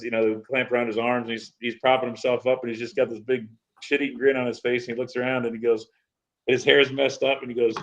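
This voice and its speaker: A man telling rambling stories and laughing in a casual chat. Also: medium pitch. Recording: dull lo-fi sound.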